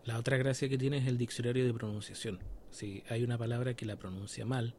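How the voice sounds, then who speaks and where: A man's voice: mid-range voice, steady tone, a little fast, a little mellow, slight background noise. A Chilean man co-hosting a podcast in casual chat, explaining things step by step and checking in with his listeners. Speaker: podcast co-host.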